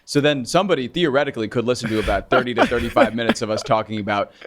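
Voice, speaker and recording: A man's voice: mid-range voice, racing. A man from Long Island co-hosting a casual podcast, playful and teasing as he riffs on jokes. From Long Island, New York. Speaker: podcast co-host.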